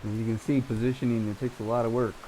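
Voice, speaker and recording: A man giving casual gameplay commentary, thinking aloud in an unhurried way as he narrates his play. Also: medium pitch, rough recording. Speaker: gamer narrating a storm-chasing simulation game. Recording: clear steady background noise.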